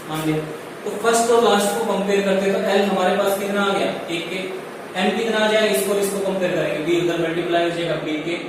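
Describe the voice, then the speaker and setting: Male maths teacher, high voice, explaining step by step; distant mic in a very echoey room. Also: noisy background. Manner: explains step by step, asking the class questions. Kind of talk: classroom maths lesson.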